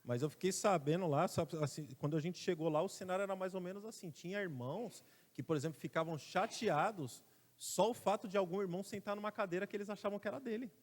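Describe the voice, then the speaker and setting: A man's voice: sits high, fast. A man with a Brazilian Portuguese accent preaching a sermon in a church. He preaches with emphasis and has the congregation repeat phrases after him. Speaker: pastor. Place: church sanctuary. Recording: long church reverb.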